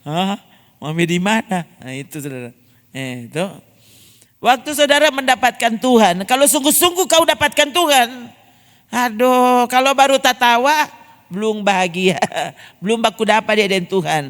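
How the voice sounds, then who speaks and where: A man with a high voice and a Manado Malay accent preaches a sermon. He is an animated storyteller who keeps calling out to the congregation. His voice rings with a long echo from the church hall. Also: normal speed. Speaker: pastor.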